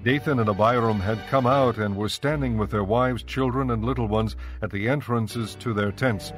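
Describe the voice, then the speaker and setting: A man narrating scripture in an even, measured storytelling manner, with faint music behind. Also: medium pitch.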